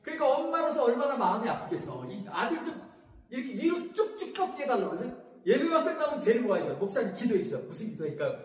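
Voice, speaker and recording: A male pastor preaching an animated sermon, asking the congregation questions and answering them himself. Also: very high voice, quick pace. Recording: echoey hall from far off.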